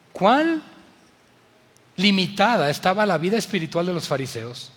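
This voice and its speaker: A Mexican man preaches a passionate sermon in a high voice. He swings from loud appeals to near-whispers. A long reverb trails each phrase through the church. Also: slightly rough. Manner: impassioned, swings from loud to hushed. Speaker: pastor.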